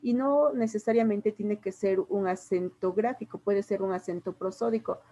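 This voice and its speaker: A literature teacher with a Mexican Spanish accent patiently walks her class through poetry step by step, using examples. Her voice is mid-range and warm, at a normal pace.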